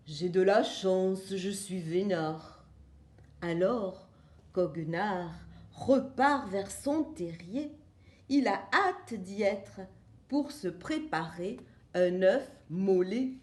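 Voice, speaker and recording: A woman narrating a children's picture book in a bright, high voice. She reads slowly and playfully, in a sing-song rhythm. The sound rings in a roomy, echoing space. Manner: slow, sing-song, playful read-aloud. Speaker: storyteller. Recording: roomy echo.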